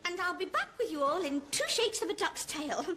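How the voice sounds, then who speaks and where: An actress playing a bossy, pretentious female hotel manager who talks briskly and with put-on refinement. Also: extremely high pitch, expressive, sharp tone, slight background noise, full character voice. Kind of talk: sitcom acting.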